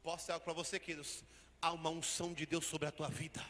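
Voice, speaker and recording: High-voiced bright male preacher in a hall. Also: level tone, fast. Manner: storytelling, then rising to loud preaching with sung phrases and tongues. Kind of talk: sermon with personal story. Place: church hall. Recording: hall reverb, faint background noise.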